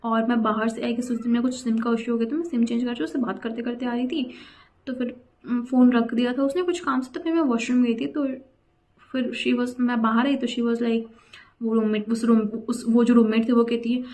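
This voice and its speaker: A woman's voice: a little high, little pitch movement, normal speed, darkish tone. A young woman telling a personal story in a chatty, indignant way, dropping English phrases into her talk. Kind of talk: casual storytime vlog.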